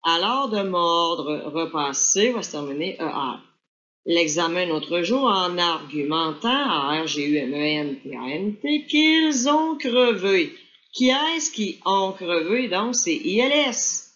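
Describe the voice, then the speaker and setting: Slow woman teacher dictating. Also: lowish voice, big pitch swings, fairly bright tone. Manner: spells words out letter by letter; slow, deliberate dictation pace. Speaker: French teacher. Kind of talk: reading a dictation and correcting it. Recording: dull lo-fi recording.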